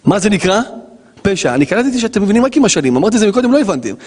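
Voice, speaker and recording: Animated rabbi with a husky voice. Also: male voice, high-pitched, long reverb tail. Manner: animated, acts out dialogues, rhetorical questions. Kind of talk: Torah lesson. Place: yeshiva lecture hall.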